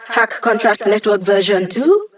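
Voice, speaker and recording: Hack, a wry young hologram hacker. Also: female voice, medium pitch, very animated, a little slow. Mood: breezy. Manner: wry, teasing, casual tech-geek banter. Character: young digital hacker woman, a wry, playful incorporeal hologram. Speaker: hacker support character guiding a squad. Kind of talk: video game character voice lines.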